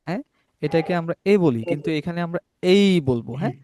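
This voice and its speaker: A Bangladeshi man teaching English pronunciation in an online class, slowly modelling sounds and often checking that the class is following. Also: fairly high pitch, expressive, a little mellow, no room sound, studio quality. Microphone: laptop or video call mic.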